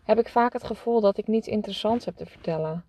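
A woman voicing a shy, quiet storybook fox who rarely speaks and sounds hesitant. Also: medium pitch, fast talker, far from the mic, lightly acted.

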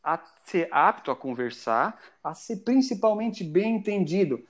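A man from Brazil talks casually as a guest on a podcast. His voice sits high for a man, and he rambles along, restarting sentences as he goes. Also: big pitch swings, measured pace. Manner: chatty, rambling with frequent restarts. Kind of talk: casual chat.

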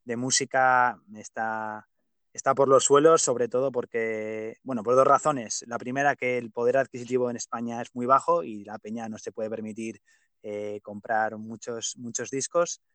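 The speaker, a Pamplona-born podcast host, fills his casual interview chat with hesitant fillers and opinions. He talks at a moderate pace in a steady, medium-pitched, slightly bright voice, recorded dry.

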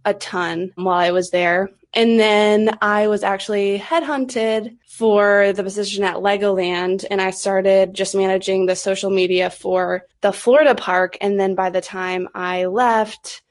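A woman's voice: mid-range voice, fairly even intonation, a little slow, hardly any pauses. A woman in her thirties, a social media director, answering interview questions in a friendly, enthusiastic way. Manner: friendly, enthusiastic, bit giggly.

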